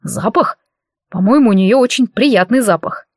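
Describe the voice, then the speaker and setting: A woman's voice: a little high, lively intonation, brisk, dry recording, studio quality. A woman voicing a haughty, sarcastic male elf in armor in an audiobook. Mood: weary. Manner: sarcastic, eye-rolling.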